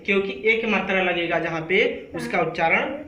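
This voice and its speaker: High bright-voiced male teacher quizzing class. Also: moderate pace, echoey room, muffled recording. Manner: repeats each sound and quizzes the class. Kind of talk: classroom lesson.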